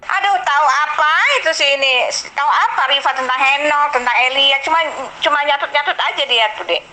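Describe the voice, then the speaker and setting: Woman taunting in a debate, high bright voice, bit of hiss. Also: a little fast, poor audio. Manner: scornful, taunting. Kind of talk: heated online debate.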